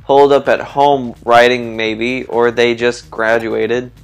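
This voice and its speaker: A man voicing a bored, self-deprecating old man who runs a forum, read plainly at a slow pace. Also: mid-range voice, level tone, clean tone, soft background music. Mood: weary.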